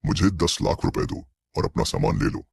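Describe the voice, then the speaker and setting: A man playing a husky, menacing sorcerer. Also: low voice, huge pitch swings, fairly quick, darkish tone, no echo, studio quality, exaggerated voice. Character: greedy menacing male sorcerer.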